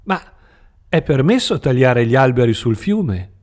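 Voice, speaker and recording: A man voicing a steady, stubborn young man. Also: mid-range voice, unhurried, very noisy. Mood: defiant. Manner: steady, unafraid.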